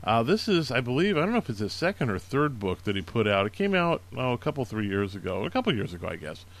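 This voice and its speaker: A man at a middle pitch talks casually through his book picks. He is earnest and encouraging, and he restarts his sentences often with plenty of fillers. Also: very animated, fast talker. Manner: conversational, many fillers and restarts. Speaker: podcast host recommending books. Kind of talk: casual spoken book recommendations.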